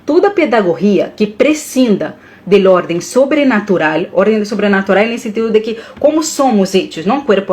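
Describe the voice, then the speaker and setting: A woman holds forth on a live stream, drifting between Portuguese and as she goes. Her talk is animated and earnest, and at moments she is moved by her own words. Her voice sits at an ordinary middle pitch. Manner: animated, mixes Portuguese and Spanish, emotional.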